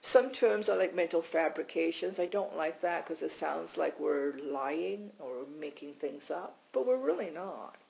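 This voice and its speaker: A woman's voice: mid-range voice, gravelly, dark tone, low-quality recording. A woman teaching in an informal, conversational way, often repeating words and adding "right?". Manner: conversational, repeats words and adds tag questions. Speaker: meditation teacher.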